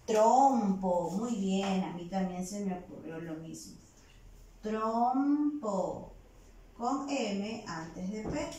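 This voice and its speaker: A woman teaching a virtual primary class, dictating words slowly and patiently, syllable by syllable, recorded away from the mic in a room with echo. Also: medium pitch, expressive, mellow, recorded from a distance, slight background noise.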